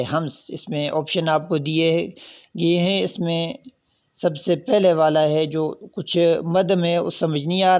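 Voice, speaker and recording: A man's voice: fairly high pitch, dull audio. A man teaching, reading exam questions and their options aloud, then explaining each correct answer step by step. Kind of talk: solving past exam questions.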